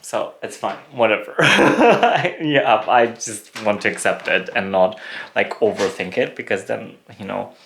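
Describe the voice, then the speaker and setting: A man in his late thirties chatting casually for a vlog, relaxed and often laughing, with many fillers, while showing around a barn and garden. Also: lowish voice, a little slow, gravelly, a little hiss or hum. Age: late 30s. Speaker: vlogger. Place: outdoors and in a barn on a rural property.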